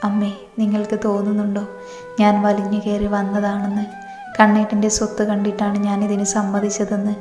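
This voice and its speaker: A woman's voice: mid-range voice, monotone, fairly quick, a little mellow, close to an everyday voice. A woman voicing a hurt young bride, speaking in a subdued way, in a storybook reading. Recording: echoey reverberant room, faint music.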